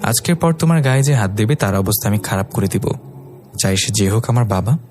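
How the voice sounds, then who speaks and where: A man's voice: on the low side, animated, a little fast, music in the background, close to an everyday voice. A man voicing a fiery, devoted young fairy woman who scolds in a bossy way. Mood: tender.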